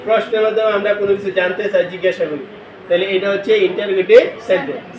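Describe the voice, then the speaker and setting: Talking very fast in a high register, a male teacher runs a call-and-response lesson, asking the class questions and spelling out words letter by letter. The distant recording has classroom echo and a little hiss or hum.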